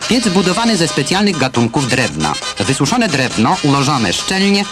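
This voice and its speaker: A man narrating a 1970s newsreel voice-over, crisp and declamatory commentary read over footage. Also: on the high side, big pitch swings, moderate pace. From Poland. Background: loud film score music.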